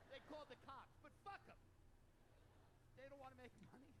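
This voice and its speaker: A man's voice: extremely high pitch, fairly even intonation, brisk. A man doing a brash, profane stand-up routine on a theater stage, working the crowd. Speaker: stand-up comedian. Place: theater stage before a live audience. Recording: live theater recording with audience noise.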